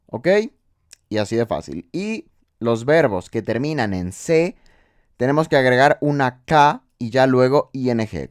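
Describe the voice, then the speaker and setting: A man gives a grammar lesson in a patient, methodical way, pausing often to ask his viewers questions. His voice is close and dry, with no room sound, and sits at an ordinary middle pitch. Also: darkish tone, no echo. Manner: patient, step-by-step explaining with rhetorical check-in questions. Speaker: English teacher. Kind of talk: explaining grammar rules.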